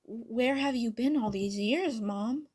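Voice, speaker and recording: A woman's voice: fairly high pitch, slow pace, darkish tone, slightly rough. A woman voicing an earnest teenage boy who stammers when he is shaken, in a fan reading of a story. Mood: stunned.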